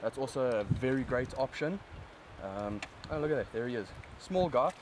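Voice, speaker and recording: A man's voice: medium pitch, lively intonation, moderate pace, crowd noise. A young man with a broad South African accent gives casual fishing commentary and tips outdoors on a river bank. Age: young adult. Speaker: angler presenting a fishing video. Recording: outdoor camera sound with background noise.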